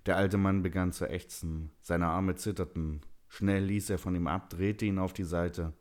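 Deep-voiced male audiobook narrator. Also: steady tone, normal speed, darkish tone.

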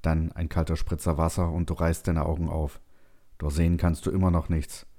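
Deep, dark-voiced male narrator. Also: little pitch movement, moderate pace. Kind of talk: second-person sci-fi audiobook narration.

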